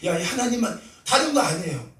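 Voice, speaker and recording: A male pastor preaching a sermon, telling a story and acting out prayers and dialogue, sometimes rising to loud, fervent cries. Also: very high-pitched, big pitch swings, a little fast. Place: church sanctuary. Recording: echoey church hall, mic at a distance.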